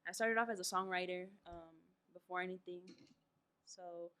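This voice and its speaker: A young woman from Queens, New York, a guest on a casual podcast, telling her story in a relaxed, unhurried way with many fillers. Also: lowish voice, clear, resonant tone. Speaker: guest artist.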